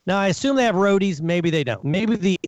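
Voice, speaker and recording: A man on a podcast telling a story with animated indignation, swearing as he goes. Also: sits high, fairly quick, no echo, highs cut off. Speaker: regular guest of the show. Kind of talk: casual podcast chat.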